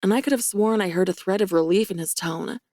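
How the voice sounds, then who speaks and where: Casting: a wry, lively woman narrating a romance audiobook, mid pitch, dry close mic. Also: fast, no room sound. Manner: wry, lively and self-mocking.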